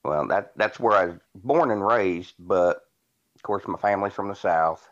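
A man in his forties from Indiana speaks in a very low voice, telling his story casually and rambling with fillers and restarts. His audio sounds dull and lo-fi, as over a call. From Indiana, USA. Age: 40s. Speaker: podcast guest.

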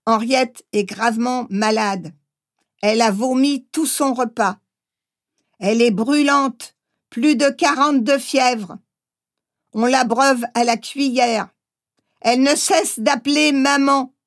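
Female memoir narrator, high voice, slow, measured first-person reading. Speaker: audiobook narrator.

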